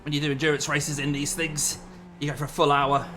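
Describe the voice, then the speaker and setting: A man's voice: a little high, little pitch movement, brisk. A man chattily thinking aloud as he gives casual running commentary while driving in a racing game. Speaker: sim racing driver and commentator. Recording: clear car engine noise behind. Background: racing car engine.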